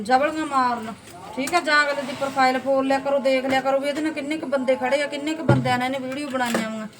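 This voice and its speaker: A middle-aged woman with a Malwai Punjabi accent and a high-pitched voice vlogs from home, talking casually to camera. She indignantly scolds rude commenters, firing off rhetorical questions, against a noisy background.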